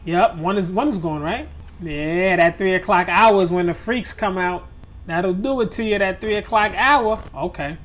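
A young man who makes gaming videos provides live commentary while playing a horror game for the first time. His voice sits high with a fairly bright tone at a moderate pace, and he talks to viewers casually, joking, swearing and trash-talking in slang.

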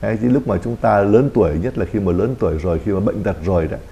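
Priest, man, rapid explanatory talk, dark mellow tone. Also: fairly low pitch, vocal fry, muffled recording. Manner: explanatory, acts out little quoted dialogues. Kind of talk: pastoral talk show discussion.

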